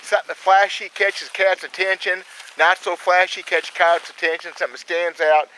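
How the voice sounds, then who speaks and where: A man's voice: sits high, flat delivery, normal speed, sharp tone, slight background noise, rough recording. A man with a Southern US accent hosting a trapping channel, giving plain-spoken, folksy how-to advice outdoors in the cold countryside. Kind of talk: casual outdoor how-to talk.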